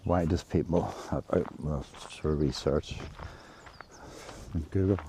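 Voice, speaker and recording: A travel vlogger with a warm bass voice speaks slowly to the camera he holds while walking through nature. His casual talk rambles, hesitates, and restarts often. There is slight background noise.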